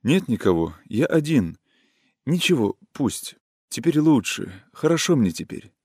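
Man doing a feverish young guy, faint halting near-whisper, low, dry. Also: expressive, vocal fry, dark tone, slightly rough, dry recording, full character voice. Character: feverish young man, weak, lovesick, dazed.

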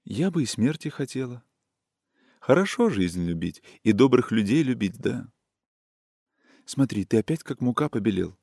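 A man's voice: medium pitch, big pitch swings, normal speed, creaky, long pauses, dry recording, studio quality. A man voicing a tender, soothing young woman. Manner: soft, caressing, sing-song folk speech.

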